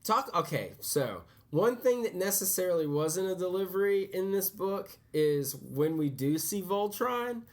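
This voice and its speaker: A man's voice: sits high, big pitch swings, unhurried, hardly any pauses. Hesitant, easygoing man in casual chat. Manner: hesitant, repeats words, easygoing. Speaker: podcast co-host.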